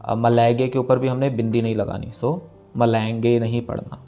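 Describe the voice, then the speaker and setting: A man teaching scripture pronunciation, reciting lines slowly and breaking words down syllable by syllable. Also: medium pitch, level tone, lo-fi sound. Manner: slow, careful, repeats lines syllable by syllable. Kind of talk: step-by-step recitation lesson. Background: faint instrumental music.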